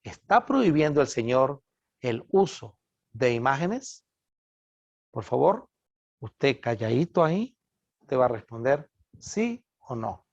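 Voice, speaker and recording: A man's voice: medium pitch, very animated, slow, pauses often, no echo. A middle-aged man, a pastor giving an earnest recorded Bible lesson, addressing listeners as brothers. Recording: dull, dry lo-fi recording.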